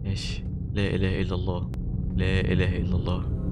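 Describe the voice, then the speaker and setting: A man with an Egyptian Arabic accent, commentating a horror game as a video host, excitable and jokey, talking back to the game characters. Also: deep voice, a little fast, very noisy. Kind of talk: let's play commentary.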